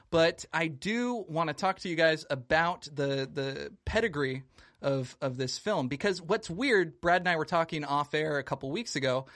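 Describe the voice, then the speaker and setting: A man's voice: on the high side, a bit bright. A man hosting a casual panel chat in a jokey, sweary, conversational way. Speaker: podcast host.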